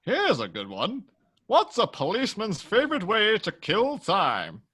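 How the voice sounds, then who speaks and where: A man's voice: high voice, wildly swooping pitch, unhurried, bright, forceful tone, breathy edge, exaggerated voice. A man playing a gleeful, menacing Joker posing as a comic policeman in a script table read, theatrical and playful. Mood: mock-polite joking.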